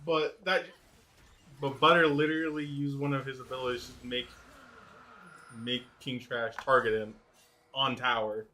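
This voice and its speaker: A man's voice: mid-range voice, steady tone, moderate pace, pauses often, bright, forceful tone. A man co-commentating live on a video game match in a casual, reactive way with lots of interjections. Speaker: esports co-commentator.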